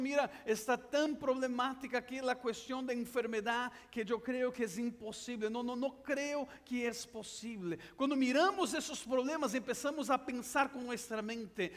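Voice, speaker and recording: A man preaching a sermon, telling a story and building up to loud, shouted passages. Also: very high-pitched, normal speed, few pauses, big-room sound. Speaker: pastor.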